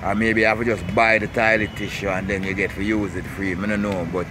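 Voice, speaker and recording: Walking through a city park next to busy roads, a man with a Jamaican accent and Rasta speech narrates a rambling tour at a brisk clip, his voice lowish and flat. He keeps circling back with short tags such as "see," "you know," and "blessed love." His handheld camera picks up noisy outdoor sound and traffic.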